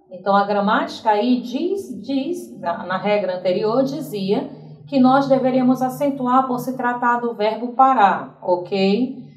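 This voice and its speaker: A woman teacher with a Brazilian Portuguese accent explaining grammar rules, repeating examples slowly and checking in with the class. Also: mid-range voice. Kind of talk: recorded grammar lesson. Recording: roomy, from a distance.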